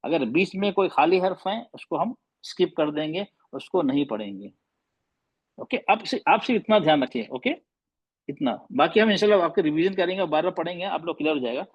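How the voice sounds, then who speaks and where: High-voiced man teaching a class. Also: lively intonation, fairly quick, breathy edge, dull audio. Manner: patient, asks the class questions and repeats points; mixes Hindi with English terms. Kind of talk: classroom lesson.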